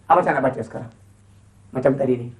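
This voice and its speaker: A Quran recitation teacher with a Malaysian Malay accent, chanting slow model verses and then quickly explaining and quizzing pupils. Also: mid-range voice, narrow, tinny audio. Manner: quizzing pupils with short questions. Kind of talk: classroom lesson with call-and-response.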